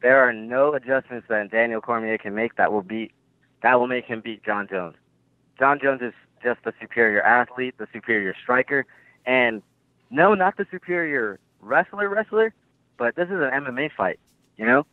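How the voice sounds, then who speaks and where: At a moderate pace and medium pitch, the eighteen-year-old guest fighter boasts and gives brash guarantees during a phone interview. The line is tinny and dry, without echo.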